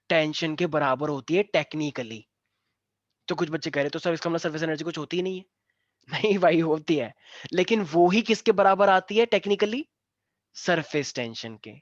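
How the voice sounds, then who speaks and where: A man's voice: high-pitched, moderate pace, dry recording. Man in his twenties teaching an online physics class. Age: 20s. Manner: joking, teasing students between explanations. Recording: dull dry online class audio.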